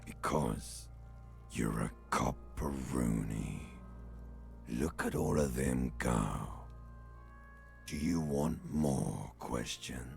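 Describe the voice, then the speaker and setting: Weary dead man, video game, abyssal low voice, slow taunting drawl, guttural rasp, faint music behind. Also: a little mellow, exaggerated voice. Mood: mocking. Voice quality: very gravelly, guttural rasp, often breathy. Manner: slow, drawn-out, taunting delivery. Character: dead man's corpse talking in detective's head, sardonic, weary.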